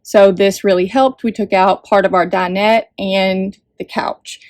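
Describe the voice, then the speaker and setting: A woman's voice: mid-range voice, fairly even intonation, a little slow, a little mellow, no room sound. A young woman hosting a family vlog, chatting casually from the living area of an RV, rambling with fillers and small laughs. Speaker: family vlogger host. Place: RV living room.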